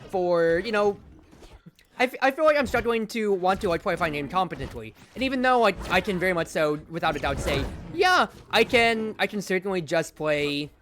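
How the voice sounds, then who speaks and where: Male streamer, casual rambling game commentary, bright tense tone, home mic. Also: high voice, brisk. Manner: chatty, rambling, loud outbursts when excited.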